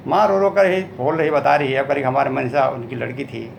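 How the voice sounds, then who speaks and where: A man's voice: mid-range voice, fairly even intonation, creaky, noisy background. A man with a Bhojpuri accent, a folk singer telling a story in speech and drawing out sung ballad verses between the spoken parts. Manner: slow, drawn-out sung lines between spoken narration.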